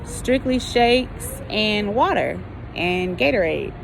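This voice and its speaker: A woman's voice: medium pitch, expressive, slow, vocal fry, over music, rough recording. An American woman chatting casually to her viewers in an informal, folksy, rambling way, often drawing out hesitant phrases. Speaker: vlogger.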